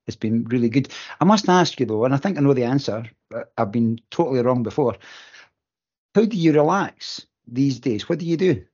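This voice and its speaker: A man's voice: medium pitch, lively intonation, normal speed, darkish tone. Man hosting, slightly dull audio. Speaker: podcast host. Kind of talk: casual interview chat.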